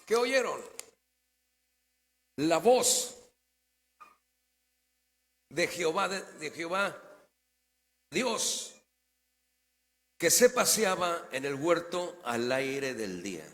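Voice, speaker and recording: A pastor preaches in a high, bright, tense voice, firing rhetorical questions at his congregation and answering them himself. He drops to quiet asides and then rises to loud declarations. The sound rings with the long reverb of a church hall. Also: sing-song, extremely slow, pauses often. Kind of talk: sermon. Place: church sanctuary.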